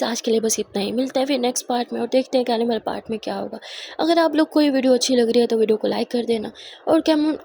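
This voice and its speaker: High-voiced woman storyteller. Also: gravelly, darkish tone, husky. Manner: chatty, apologetic asides to viewers. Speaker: storyteller and channel host. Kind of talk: casual narrated audio story.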